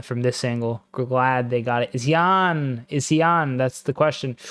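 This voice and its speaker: A man casually commenting on a football match live for his stream, slangy and excitable, breaking into loud exclamations at big moments. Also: on the high side, clear, resonant tone, no echo, studio quality.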